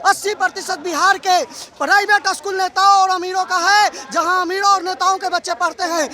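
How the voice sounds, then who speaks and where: A man's voice: very high-pitched, pushed and bright. A man protesting to the press, speaking in a fiery, accusing, declamatory way.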